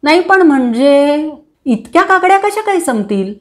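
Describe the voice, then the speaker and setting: A quick-tempered male cucumber seller in a spoken folk tale, played by a woman reading aloud. He talks excitably with strong emphasis in a high-set voice. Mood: excited.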